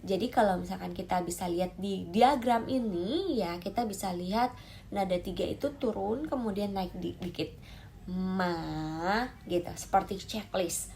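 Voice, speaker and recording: This woman's medium-pitched, creaky voice comes with a little hiss or hum. She's giving a Mandarin tones lesson to camera, energetically calling out and drawing out example syllables.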